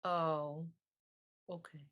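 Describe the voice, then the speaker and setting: A woman playing a naive character in a tabletop game, with a deadpan delivery. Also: deep voice, extremely slow, smooth. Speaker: player. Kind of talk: in-character tabletop role-play.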